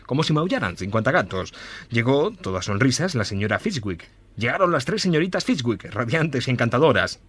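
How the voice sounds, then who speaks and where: A man's voice: mid-range voice, a bit bright. Man narrating a classic tale. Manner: measured storytelling. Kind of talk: scripted narration.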